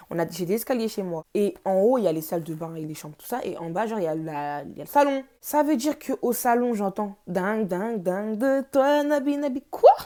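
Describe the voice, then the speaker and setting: A young woman vlogging at home, telling a storytime in a casual, slangy, animated way. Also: medium pitch. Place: home, noisy household.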